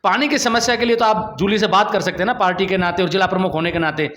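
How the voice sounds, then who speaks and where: A man's voice: high voice, fairly even intonation, fast talker, a bit bright, a little hiss or hum. A male journalist interviewing a politician, asking pointed, confrontational questions.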